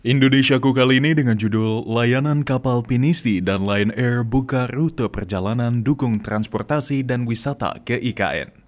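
Male news presenter, formal steady delivery, radio feature report. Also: medium pitch, normal speed, few pauses.

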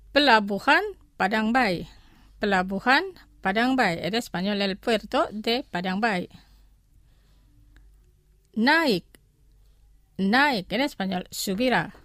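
A woman hosting a scripted language lesson, saying each word twice and then explaining it in a slow, deliberate way. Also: fairly high pitch, fairly bright tone, no echo, studio quality.

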